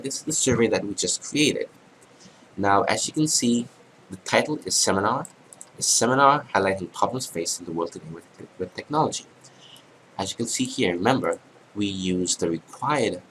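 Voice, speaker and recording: A man with a cold, hoarse and congested, talking through a screen-recorded software tutorial in a casual, halting way with many ums. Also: sits low, slight background noise, rough recording. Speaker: tutorial narrator.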